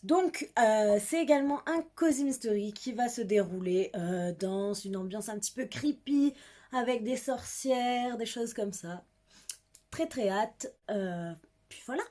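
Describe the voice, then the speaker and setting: A woman's voice: on the high side, unhurried, dark tone. A young woman chatting casually about her reading pile, giggly and self-mocking as a book vlogger. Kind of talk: casual book haul chat.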